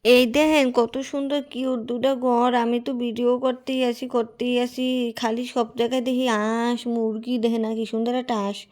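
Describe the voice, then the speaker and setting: A woman's voice: fairly high pitch, little pitch movement, moderate pace, darkish tone. A woman vlogger speaking in a Barishal Bengali dialect, chatting casually with viewers while she walks outdoors along a village road. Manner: chatty, keeps addressing viewers; talks while walking. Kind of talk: casual travel vlog.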